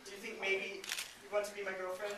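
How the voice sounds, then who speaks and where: A man's voice: sits high, monotone, fast talker, lightly acted. A young man playing a flustered nerdy freshman. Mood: awkward. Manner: flustered, backpedaling. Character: awkward, nerdy male college freshman. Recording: echoey stage from far off, loud noise.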